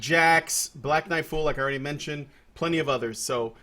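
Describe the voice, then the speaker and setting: Brisk, pushed and bright, this fairly high-pitched male voice belongs to a podcast host from Puerto Rico. His casual talk wanders, full of restarts and filler words.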